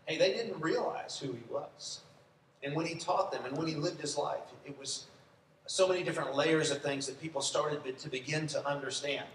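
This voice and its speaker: A man's voice: fairly high pitch, moderate pace. Man, pastor, conversational sermon, asks the congregation questions, distant mic, faint background hum. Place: church sanctuary. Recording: echoey church room, from a distance.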